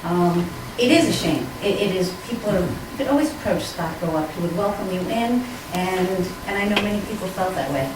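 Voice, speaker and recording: A woman giving a public comment at a town meeting, earnest and deliberate, repeating herself for emphasis. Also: on the low side, expressive. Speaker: resident speaking at a town meeting. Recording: echoey hall from far off, background noise.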